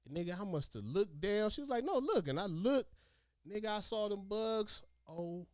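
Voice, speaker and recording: A man telling stories casually in animated, profane street slang, talking like a streetwise former inmate. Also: high-pitched, normal speed, no echo, studio quality. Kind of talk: casual storytelling chat.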